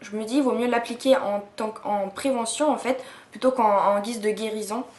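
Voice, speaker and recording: A woman's voice: fairly high pitch, fairly even intonation, brisk. Chatty young woman vlogger, roomy sound. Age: 20s. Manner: chatty, many fillers and restarts. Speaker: beauty vlogger. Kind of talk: casual product review.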